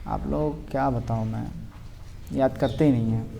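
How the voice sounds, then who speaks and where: A man teaching religion works through a classroom quiz and roll call. His voice sits at an ordinary middle pitch, and he teases and scolds the children, calling them "son". A long reverb trails each of his words. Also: fairly even intonation, moderate pace, creaky, background noise. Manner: teasing, scolding, calls pupils son. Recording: echoey room reverb.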